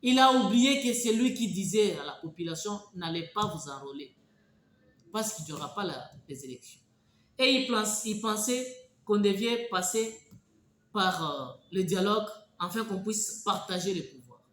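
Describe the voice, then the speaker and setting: Male political commentator, Congolese French accent, emphatic, halting storyteller, echoey room. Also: sits high, lively intonation, fairly bright tone, slight background noise.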